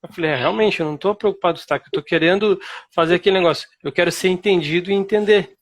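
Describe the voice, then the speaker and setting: Brazilian man, high voice, lively storytelling testimonial, acts out his own lines. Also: racing. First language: Portuguese. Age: adult. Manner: animated, acts out his own past remarks. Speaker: English student giving a testimonial.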